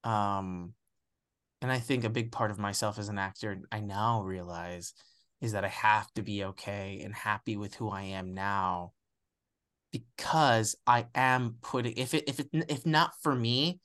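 A young man from the United States, an actor giving a candid, reflective interview, often pausing and restarting as he searches for words. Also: lowish voice, a bit bright.

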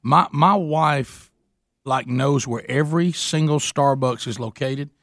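A man's voice: medium pitch, measured pace, a bit bright, no echo, clean studio sound. A man hosting a radio show in casual banter.

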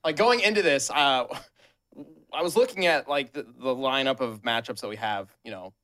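A man's voice: mid-range voice, sharp tone. A man hosting a casual show, chatting loosely with co-hosts and laughing often between thoughts. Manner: laughs often, quick restarts. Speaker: host. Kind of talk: casual podcast chat.

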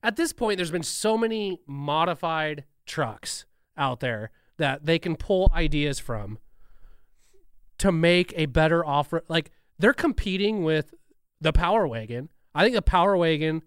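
Male co-host, slightly high voice, informal opinionated chatter, very dry close sound. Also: lively intonation, unhurried, smooth, no echo. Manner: informal, slangy. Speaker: talk show co-host. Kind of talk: casual opinionated chat.

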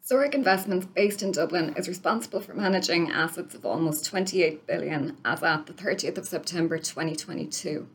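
A woman's voice: on the low side, brisk, few pauses. A woman podcast host presenting from a script and putting prepared questions to a guest.

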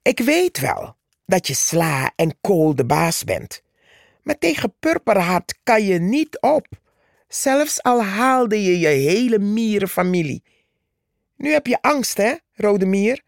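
Brief: woman reading as a scornful bragging male plant in a storybook, raised pitch, gravelly, unhurried. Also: expressive, no echo, clean studio sound. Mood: boastful. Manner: scornful, shouting taunts. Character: boastful haughty male plant, sneering bully.

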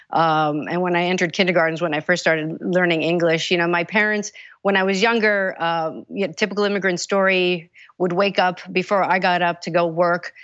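A woman from the United States, a congressional candidate, gives earnest and urgent interview answers, restarting often. Her voice is lowish and a bit bright, and the muffled recording has no echo.

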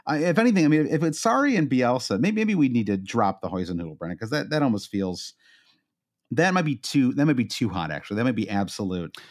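A man's voice: mid-range voice, very animated, fast talker. A man with a Midwestern accent co-hosting a casual football podcast, rambling and joking with lots of fillers and restarts. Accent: American Midwestern. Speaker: podcast co-host.

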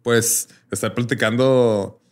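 A young man with a Mexican accent talks casually on a podcast, mid-range in pitch. He tells stories in a loose, slangy way. His speech is full of street slang and quick asides. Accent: Mexican Spanish. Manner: relaxed slangy storyteller, bursts of animated impressions. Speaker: podcast co-host. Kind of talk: casual chat.

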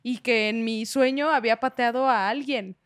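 A woman's voice: a little high, moderate pace, dry recording, clean studio sound. A woman with a Mexican accent hosting a casual podcast chat, self-mocking and playful. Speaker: podcast host.

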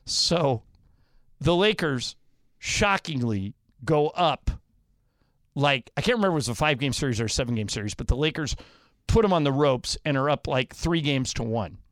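A man co-hosting a sports talk radio show, telling stories with animated delivery in a studio. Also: mid-range voice, moderate pace, no room sound. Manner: animated storyteller, acts out quotes. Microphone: studio microphone.

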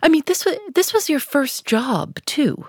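A woman host asking gentle, prompting interview questions. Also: high voice, expressive, unhurried, no echo, studio quality.

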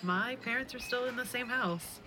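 A woman on a dinner date speaking scripted romantic lines, teasing and quick to laugh. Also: on the high side, crowd noise, natural voice.

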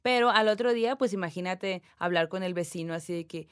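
A young Mexican woman casually retelling a spooky story on a podcast, slangy and animated. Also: lowish voice, brisk, clean tone, no room sound, studio quality. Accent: Mexican Spanish. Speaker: podcast co-host.

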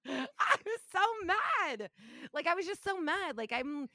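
A woman's voice: very high-pitched, slow pace, no echo, studio quality. A woman co-hosting a podcast, telling stories in a casual, laughing way. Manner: laughing, animated storytelling. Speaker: podcast co-host. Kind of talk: casual chat.

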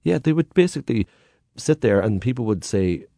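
A man's voice: mid-range voice, big pitch swings, moderate pace, creaky, mellow, no room sound, clean studio sound. An Irish man telling stories and anecdotes in a lilting, conversational, colloquial way. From Ireland. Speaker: guest, tour guide and storyteller.

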